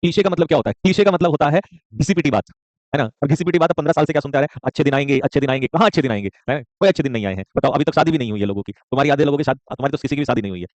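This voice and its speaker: A man teaching a live online vocabulary class, joking and rapid, often checking in with students and calling them son. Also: a little high, lively intonation, no room sound. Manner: joking, rapid, keeps asking "okay?"; addresses students warmly as son.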